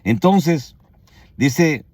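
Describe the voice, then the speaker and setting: A man's voice: fairly high pitch, animated, very slow, a little mellow, no echo. A man preaching a sermon, retelling a scripture story with emphatic repetition and rhetorical questions.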